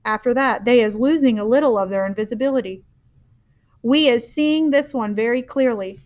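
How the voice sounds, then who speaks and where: A woman's voice: fairly high pitch, normal speed, darkish tone, close to an everyday voice. A woman voicing a big, friendly old male giant who mangles his grammar and invents words, in a dull lo-fi recording. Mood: explaining.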